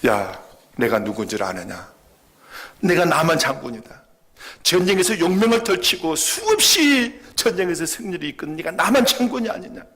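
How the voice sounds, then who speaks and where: A man voicing a proud, angry army general who shouts indignant demands. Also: high voice, voice pushed up, full character voice.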